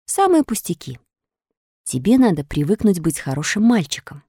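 A woman voicing a kind, patient fairy in a calm, soft, instructive voice. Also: on the low side, normal speed, slightly rough, dry recording, studio quality. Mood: gentle.

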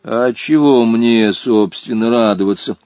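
A man's voice: high-pitched, lively intonation, normal speed, dry recording, studio quality, pitched above the performer's own voice. A man voicing an indignant, nervous young boy in an audiobook, protesting and pleading.

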